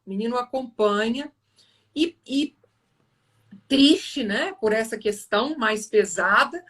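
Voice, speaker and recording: A woman's voice: on the high side, a bit bright, recorded from a distance. A woman, hosting a live series, earnestly retelling a film scene with frequent restarts. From Brazil. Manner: earnest, halting storytelling with restarts.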